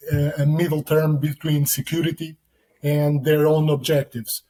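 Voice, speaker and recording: A man in his thirties with a Portuguese accent talks in a flat, even tone. His voice is dark and mellow, and he pauses often with fillers as he works out his answers. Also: a little high, low-quality recording. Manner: hesitant, many fillers and restarts. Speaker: guest, security consultant. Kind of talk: interview answers.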